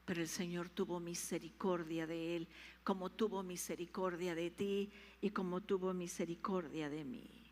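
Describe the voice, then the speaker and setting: A woman's voice: on the low side, fairly even intonation, normal speed, darkish tone. A woman pastor preaching a sermon, emphatic and repetitive, rising to fervent peaks, in a reverberant church hall.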